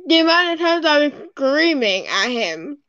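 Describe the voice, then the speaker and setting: A woman co-hosting a podcast in casual chat, excitable and fangirling, swearing freely. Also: high voice, normal speed, dry recording, highs cut off. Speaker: podcast co-host.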